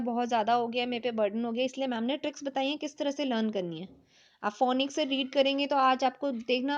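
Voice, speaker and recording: A woman teaching young children, mixing Hindi and English, spelling words letter by letter and checking often that the class follows. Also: sits high. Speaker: primary school teacher. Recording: dull lo-fi recording.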